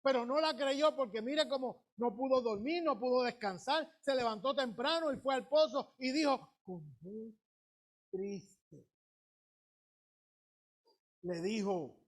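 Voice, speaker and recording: A man preaching a Sunday sermon in a strikingly high voice. He retells the story with a storyteller's pull, slowing down and stretching key words, his voice rising in force at the peaks. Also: lively intonation. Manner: retells the scripture story with drawn-out emphasis. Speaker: pastor.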